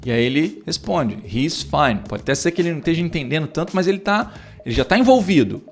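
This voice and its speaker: Speaking quickly and expressively in a fairly high register, this male English teacher runs through his lesson with faint music playing behind him. His style is loose and talkative, full of fillers and false starts, and he plays out exchanges between teacher and student.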